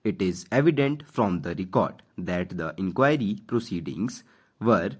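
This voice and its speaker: Low, husky Indian man giving slow dictation. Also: a little mellow. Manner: deliberate dictation in short phrases, speaking punctuation aloud. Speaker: dictation instructor reading for stenography practice. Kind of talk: slow school dictation, reading legal text aloud.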